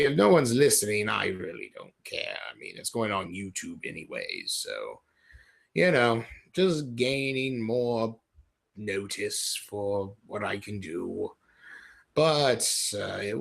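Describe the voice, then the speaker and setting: Gravelly low man, put-on British-sounding accent. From Ohio, USA. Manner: rambling, self-deprecating, jokey. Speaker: livestream host. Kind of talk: casual rambling livestream. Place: dim room at home.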